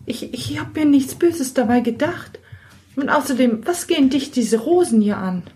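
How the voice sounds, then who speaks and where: A woman voicing a timid, excitable young noblewoman in a fairy tale, stammering in a high, breathless voice. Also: normal speed. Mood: flustered.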